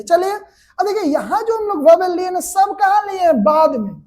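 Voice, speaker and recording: Explaining each step of shorthand in a classroom lecture, this teacher quizzes her students with quick questions. She has an Indian Hindi accent and a very high voice with a darkish tone.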